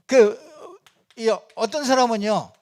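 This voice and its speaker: A male pastor gives a loose, conversational sermon from the pulpit. His voice sits high for a man, and he talks in an animated, rambling way, full of fillers and with frequent small chuckles. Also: slow. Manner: chatty and animated, many fillers, chuckles often. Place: church pulpit.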